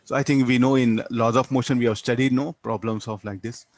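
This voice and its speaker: A man with an Indian English accent teaches physics in a classroom, solving a problem step by step in a brisk, mid-range voice of fairly even intonation, with no room sound. He's didactic, asking himself questions and answering them, often closing statements with "no?".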